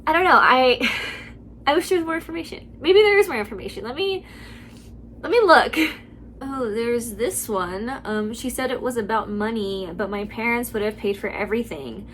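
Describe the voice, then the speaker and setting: A woman's voice: fairly high pitch, lively intonation, normal speed, a bit bright, a little hiss or hum. A woman hosting a channel where she reads online stories and reacts, talking casually with lots of filler words and laughing between remarks. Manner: chatty, heavy use of "like" fillers. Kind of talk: casual commentary.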